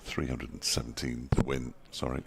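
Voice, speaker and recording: A man giving dry, wry ball-by-ball cricket commentary in a relaxed, chatty way. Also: extremely low pitch, moderate pace, vocal fry. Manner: dry, wry and chatty, chuckles at his own jokes. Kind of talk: ball-by-ball radio-style commentary.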